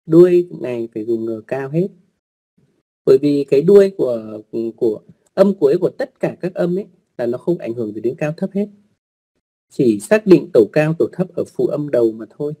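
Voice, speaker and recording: Gravelly-voiced man teaching patiently. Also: medium pitch, animated, moderate pace, warm tone. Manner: patient, repeats words, polite particles, many fillers. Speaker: online language teacher. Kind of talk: explaining writing rules to online learners.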